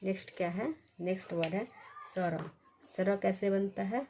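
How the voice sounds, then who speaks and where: A woman's voice: medium pitch, darkish tone, a little hiss or hum. Woman teaching Hindi letters. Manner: asks questions and answers them herself, repeats sounds slowly. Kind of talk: basic Hindi reading lesson.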